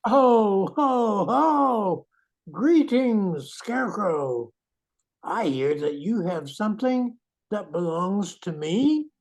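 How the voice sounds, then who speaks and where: Woman playing a very slow, booming-hearted Santa. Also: animated, a little mellow. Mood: jolly. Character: jolly, unhurried, commanding Santa Claus. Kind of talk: amateur radio play acting.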